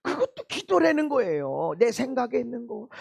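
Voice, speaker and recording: A man preaching a Sunday sermon in church. His voice sits very high and has a gravelly, fry-laden edge. He moves between steady teaching and loud, mocking impersonations of grumbling people. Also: normal speed. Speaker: pastor. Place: church sanctuary.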